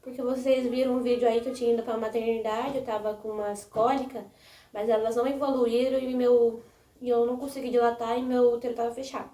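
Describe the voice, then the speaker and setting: Young woman vlogger, rambling chatty storyteller, a bit high, recorded in an echoey room away from the mic. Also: level tone, quick pace, warm tone, recorded from a distance. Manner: rambling, with frequent "né?" and restarts. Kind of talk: casual storytelling to viewers.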